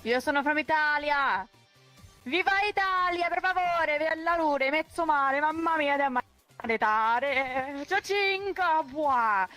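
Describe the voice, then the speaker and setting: A woman's voice: sits high, slow pace, pushed and bright, soft background music. A woman rattling off playful mock Italian in a sing-song patter.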